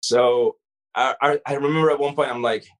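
A rapper guesting on a podcast chats casually in a medium-pitched, steady voice at a fairly quick pace. His English carries a mixed, Arabic-influenced accent, and he speaks thoughtfully, with frequent restarts and fillers.

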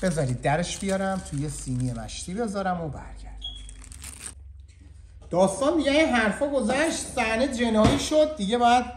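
Joking with viewers over a clip-on mic, a chef films a casual cooking vlog inside a kitchen. His voice is high-pitched, with background noise audible.

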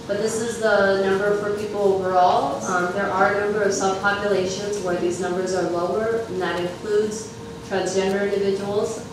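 A woman's voice: medium pitch, steady tone, normal speed, few pauses. A woman steadily walking a meeting through a data chart. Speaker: data presenter. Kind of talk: reading out chart findings. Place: large meeting room. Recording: echoey room from far off, noisy.

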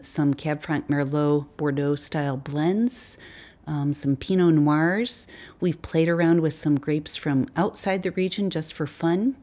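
Woman, 50s, low register, relaxed conversational interviewee, winery staff. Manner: relaxed, conversational, frequent fillers. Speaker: winery wine specialist. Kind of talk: sit-down interview answers. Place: indoor winery tasting room.

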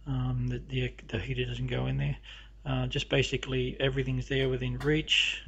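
Husky man touring his house. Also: medium pitch, monotone, a bit bright, muffled recording. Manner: halting, with many fillers and restarts. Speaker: homeowner giving a house tour. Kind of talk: casual narrated walkthrough. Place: inside a house, walking room to room.

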